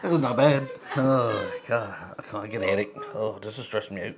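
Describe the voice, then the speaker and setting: A man's voice: fairly low pitch, a little fast, background noise. A man co-hosting a casual livestream, reading jokes hesitantly and giggling. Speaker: livestream co-host. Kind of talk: casual live-stream banter.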